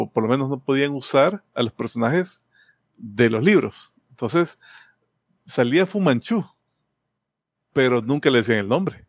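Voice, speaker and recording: Gravelly man retelling a comic. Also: medium pitch, dry recording, clean studio sound. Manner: rambling, hesitant, many fillers and restarts. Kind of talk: casual chat retelling a comic story.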